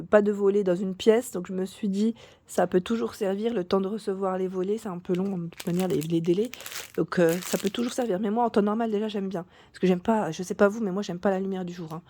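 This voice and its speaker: A woman vlogger chatting casually through a shopping haul, full of fillers and restarts, her voice cracking and hoarse at times. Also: medium pitch, fairly even intonation, normal speed, warm tone, a little hiss or hum. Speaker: YouTube vlogger.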